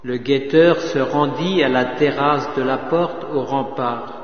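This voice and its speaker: A man reading scripture aloud at a liturgical office, measured and solemn, sometimes slipping into chant. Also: mid-range voice. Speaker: liturgical reader. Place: chapel or church. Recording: reverberant church, dull lo-fi sound.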